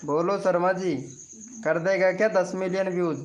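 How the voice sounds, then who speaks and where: A man hosts a casual live stream, bantering and teasing his viewers in a rather high voice. He keeps up a steady, chatty flow. The audio is dull and lo-fi. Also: moderate pace.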